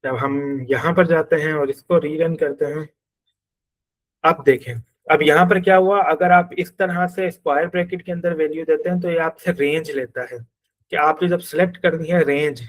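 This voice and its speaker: A male programming teacher with a Pakistani Urdu accent talks through a coding lesson on screen. He thinks aloud and walks through each step, in a voice that sits a little higher than most men's. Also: steady tone, normal speed, low-quality recording. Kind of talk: screen-share coding class.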